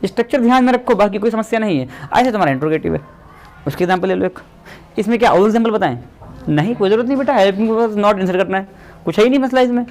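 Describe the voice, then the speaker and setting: A man's voice: high-pitched, animated, fast, darkish tone. A male teacher giving a classroom grammar lesson, explaining step by step and quizzing the class.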